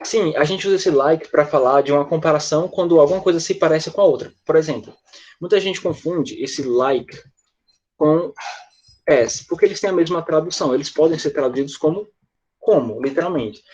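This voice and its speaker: A man with a Brazilian Portuguese accent teaching English in an online class, chatty and joking, slowing down to model English phrases. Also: on the high side, a little mellow, lo-fi sound.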